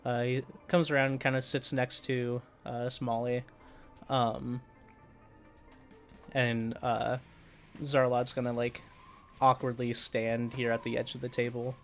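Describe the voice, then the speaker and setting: A man's voice: medium pitch, unhurried, long pauses, soft background music. Laid-back man game master with fillers. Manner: relaxed narration with many fillers. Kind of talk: narrating a tabletop game.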